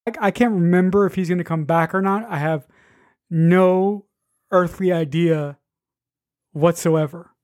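A man's voice: high voice, fairly even intonation, a little slow, long pauses, darkish tone. A man co-hosting a casual TV recap chat, blunt and profane in an exasperated way. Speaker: podcast co-host.

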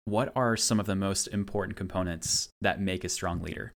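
Deep-voiced male podcast host. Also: steady tone, normal speed. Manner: affirming, asks long framed questions. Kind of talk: casual podcast interview.

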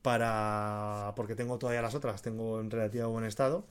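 A man with a Spain Spanish accent co-hosting a casual podcast, lively and jokey, swearing freely. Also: fairly low pitch, brisk, smooth. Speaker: podcast co-host. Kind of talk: casual chat.

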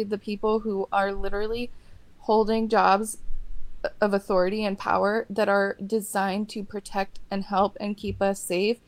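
Young woman cohosting a podcast, swears a lot, really emphatic and emotional, mid-pitched voice. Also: rough recording. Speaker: podcast co-host. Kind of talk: casual podcast chat.

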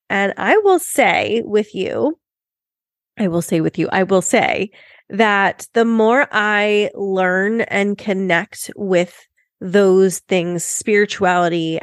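A woman's voice: medium pitch, no echo. A woman hosts a podcast in a chatty, upbeat way. Her voice is nasal and stuffed up with a cold, and the sound is close and dry. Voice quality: nasal, congested tone. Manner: upbeat, informal, enthusiastic. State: under the weather with a cold. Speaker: podcast host, business coach.

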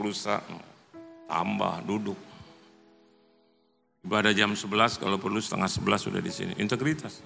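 A man's voice: fairly low pitch, gravelly, fairly bright tone. A man pastor from Indonesia preaching a sermon, telling a story animatedly, acting out the voices of the people in it. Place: large church hall. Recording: reverberant church hall with music.

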